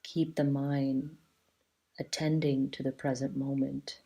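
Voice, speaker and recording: A woman's warm, rumbling low voice, marked by vocal fry and a flat delivery, guides a yoga relaxation. She keeps it soothing and measured, pausing at length between short phrases.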